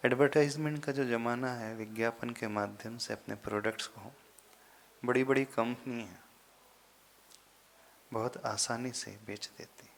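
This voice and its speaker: A man, a monk, giving a sermon in a slow, deliberate teaching manner, pausing often and rising into sudden emphasis. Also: medium pitch, steady tone, gravelly. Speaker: Jain monk giving a discourse.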